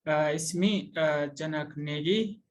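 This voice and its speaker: A man from Nepal who mentors teachers, introducing presenters on a video call with frequent pauses. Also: fairly high pitch, a little hiss or hum, rough recording. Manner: halting, frequent uhs. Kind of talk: online conference introduction.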